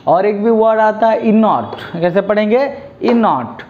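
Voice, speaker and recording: Indian man drilling vocabulary, slow and high. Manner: drills words, asks the class to repeat them; mixes Hindi and English. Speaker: English vocabulary teacher. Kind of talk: spoken vocabulary lesson. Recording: dull lo-fi recording.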